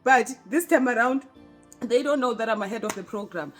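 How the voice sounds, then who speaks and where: A woman's voice: a little high, a little fast. South African woman, storytime vlogger, chatty and direct with viewers, laughs often, faint music under. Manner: chatty, talks straight to viewers with frequent laughs. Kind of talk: casual storytime vlog.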